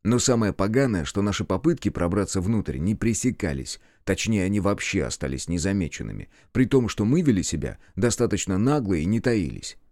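Male narrator, low voice, calm even reading, first-person audiobook, dry close sound. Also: brisk, hardly any pauses, no echo.

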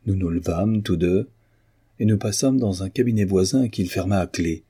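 A man reading a classic novel aloud in a measured, expressive narration. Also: low voice, breathy edge. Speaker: audiobook reader. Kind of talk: scripted narration.

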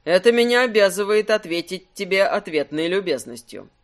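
A man voicing an easygoing, wry male rogue adventurer in an audiobook, speaking low and unhurried. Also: lively intonation.

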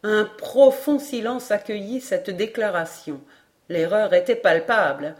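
A woman narrating a classic adventure novel in a measured, even audiobook reading. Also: mid-range voice. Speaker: audiobook reader.

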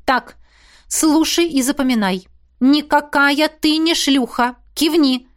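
Audiobook: blunt, commanding young woman, read by a female narrator, brisk delivery. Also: high-pitched, voice pushed up. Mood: bossy. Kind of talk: audiobook reading.

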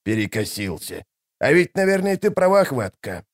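A man's voice: mid-range voice, very animated, moderate pace. A man narrating an audiobook, voicing an irritable, hot-tempered male army mage. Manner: snappy, irritable.

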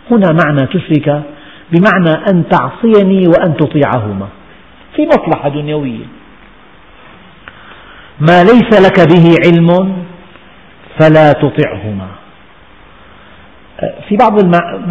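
An older man, preaching a slow, measured, emphatic Quran lesson in a lo-fi recording with long hall reverb. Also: fairly high pitch. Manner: slow, measured, emphatic delivery with dialect asides.

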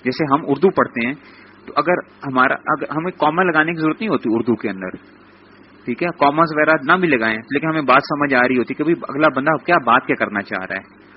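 A man's voice: fairly high pitch, lo-fi sound, slight background noise. A man teaching a Quran class in a live lecture, explaining patiently and checking in with his listeners again and again. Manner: repeats "theek hai" as a check-in; explains slowly, spelling out letters. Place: lecture room.

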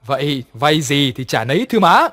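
Man doing a scheming young daughter-in-law, two-faced, bossy, raised higher voice, long echoing reverb, audio horror story. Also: moderate pace, darkish tone, natural voice. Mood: menacing.

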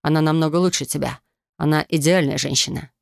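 A woman's voice: low-pitched, steady tone, fairly quick, vocal fry, dry recording, clean studio sound. A woman reading an audiobook, voicing a cold, contemptuous husband who talks bluntly and scornfully. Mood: dismissive. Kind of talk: audiobook character voice.

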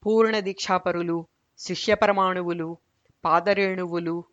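A woman reading the lines of a sharp-tongued, mocking old grandmother in a story. She speaks with a teasing, scornful edge. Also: on the low side, dry recording, natural voice. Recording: dull lo-fi recording.

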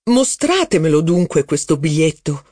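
A man putting on an imperious high-born duchess. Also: big pitch swings, moderate pace, darkish tone, dry recording, studio quality. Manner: imperious, commanding servants. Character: imperious aristocratic duchess, demanding.

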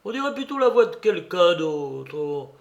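A man voicing a rough, superstitious sailor, loud and excited, in a dramatic novel reading. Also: high voice, moderate pace, dull audio, pitched above the performer's own voice, heavily acted. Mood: eager.

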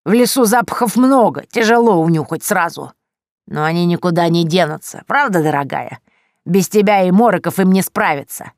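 A woman's voice: on the low side, animated, normal speed, no echo, studio quality. A woman voicing a spiteful, quarrelsome old witch who snaps and shrieks. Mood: sneering. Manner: snappish, shrieking.

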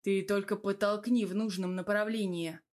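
A woman voicing a brooding, irritable young man, speaking gruffly and curtly in an audiobook. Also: medium pitch, fairly even intonation, normal speed, a little mellow, lightly acted. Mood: exasperated. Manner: gruff, curt.

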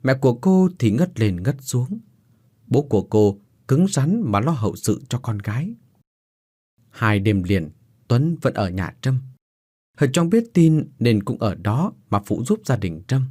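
A man narrating a scripted ghost story in an expressive, dramatic way. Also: medium pitch, breathy edge. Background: faint background music.

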